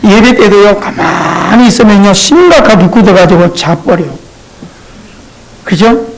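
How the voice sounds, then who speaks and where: A male pastor preaching a sermon, talking straight to his congregation in a playful, animated way. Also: high-pitched, unhurried, rough recording.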